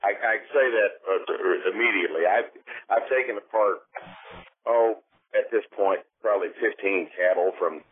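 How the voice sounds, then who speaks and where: A man's voice: on the low side, moderate pace, slightly rough. A man talking as a podcast guest, blunt and dry-humored, heard over a landline phone. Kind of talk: casual podcast chat. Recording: tinny phone line with faint hiss.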